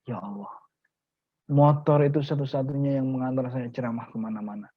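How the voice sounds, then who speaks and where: A man's voice: mid-range voice, animated, takes it slowly, slightly rough, phone-quality sound, heavily acted. A man voicing a poor male preacher who pleads, anxious and distressed, in a sermon story. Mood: pleading.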